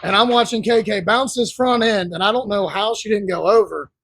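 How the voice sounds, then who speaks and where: A man's voice: high-pitched, a little fast, vocal fry, fairly bright tone, a little hiss or hum. A man telling long, rambling stories in a laid-back, casual way as a podcast guest. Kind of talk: casual storytelling.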